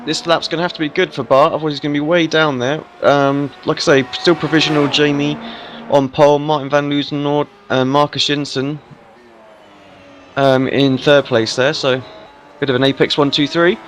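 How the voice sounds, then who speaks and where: A man's voice: a little high, flat delivery, normal speed. A hungover man giving casual live commentary on a sim race as a commentator. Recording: clearly noisy, vehicle sounds behind.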